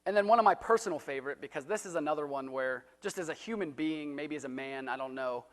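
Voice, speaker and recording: A man's voice: a little high, quick pace, long reverb tail. A man preaching a casual, conversational sermon in a church, talking in a loose, chatty way with fillers and restarts. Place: church sanctuary.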